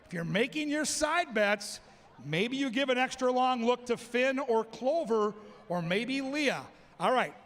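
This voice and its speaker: High, bright-voiced excitable race announcer. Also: male voice, unhurried. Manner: excitable, shouts calls and names. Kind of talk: live race-call commentary. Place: racetrack.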